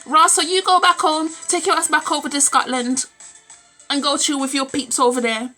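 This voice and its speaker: Speaking at a moderate pace in a high, steady, bright and forceful voice, a British vlogger of roughly thirty addresses the camera from a room in her home, faint music behind her. She records on a phone at arm's length. She's blunt and opinionated, casually emphatic, swears, and repeats phrases to drive points home.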